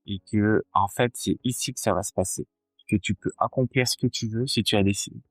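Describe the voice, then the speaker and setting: A man in his forties talks as a cardiologist guest in a relaxed interview. His voice sits somewhat low, and he hesitates often, filling gaps and restarting his sentences. The sound is close and dry, with faint music in the background. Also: fairly quick, no room sound. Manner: hesitant, many fillers and restarts. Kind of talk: casual interview chat.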